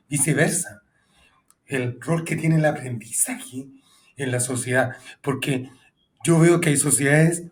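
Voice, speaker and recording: A man hosting a conversational podcast, with a mid-range voice. He thinks out loud and asks long, reflective questions of his guest. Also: mid-range voice. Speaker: podcast host. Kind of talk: conversational interview.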